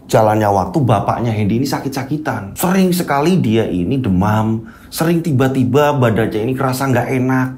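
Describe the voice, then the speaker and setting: A man narrating a casual spoken story, lively and dramatic, calling out sound effects. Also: medium pitch, a little fast.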